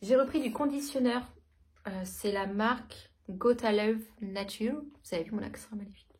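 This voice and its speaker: A woman in her thirties, a vlogger at home, chats casually through a shopping haul. Her voice is on the high side and a little fast, she hesitates with many fillers, and the background is noisy.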